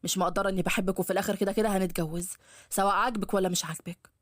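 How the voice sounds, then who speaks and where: A woman's voice: mid-range voice, steady tone, very fast, dry recording, studio quality, pitched below the performer's own voice, close to an everyday voice. A woman voicing a pushy, threatening young man who courts a girl against her will, with an Egyptian accent. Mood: menacing. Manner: boastful and threatening. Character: pushy menacing young man, possessive suitor.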